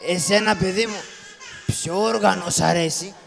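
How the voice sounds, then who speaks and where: A man doing a scrappy shadow-puppet father with a gravelly, high voice, bossy and teasing toward his kids. The sound rings in a long echoey hall of a live show. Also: steady tone, a crowd in the background. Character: Karagiozis, scrappy poor comic father, loud and scolding.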